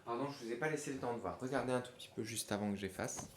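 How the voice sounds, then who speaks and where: A man's voice: medium pitch, racing. A man guides young pupils through a dictation game, spelling words out letter by letter and humming where a word is missing. His speech is patient and encouraging. The room sounds echoey, with faint background hiss. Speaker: teacher. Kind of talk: classroom dictation lesson.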